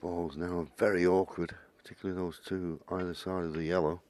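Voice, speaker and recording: A man's voice: sits low, level tone, a little fast, darkish tone. A man giving conversational snooker commentary, with chatty explanatory asides as a co-commentator.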